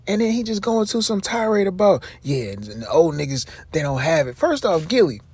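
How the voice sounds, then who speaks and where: A man's voice: a little high, big pitch swings, moderate pace, darkish tone, husky, dry recording. A man giving casual commentary on his channel, talking straight at the person he criticizes and calling him bro in a rambling, exasperated way. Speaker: vlogger commentator.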